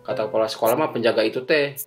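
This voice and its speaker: A man's voice: medium pitch, rapid-fire, soft background music, close to an everyday voice. A man with a Sundanese accent voicing a bossy middle-aged male village official in a motion comic, scolding and giving orders. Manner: scolding, commanding.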